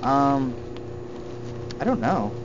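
A man's voice: mid-range voice, big pitch swings, very slow, distant mic. A young man in casual chat, talking around a cigar in his mouth, outdoors. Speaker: cigar reviewer. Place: outdoors, in the cold and wind. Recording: dull lo-fi sound with clear background noise.

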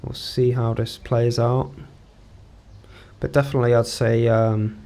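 Man, mellow dark tone, chatty screen-share tutorial host, rambling with ums. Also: medium pitch, level tone, measured pace. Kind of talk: casual screen-share walkthrough.

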